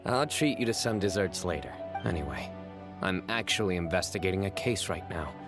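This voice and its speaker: Serious deadpan young detective, really low voice, anime game, music playing behind. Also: male voice. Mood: composed. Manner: deadpan, measured, formal. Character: Cyno, composed serious young male investigator fond of puns. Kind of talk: anime game character dialogue. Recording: studio voice over game music.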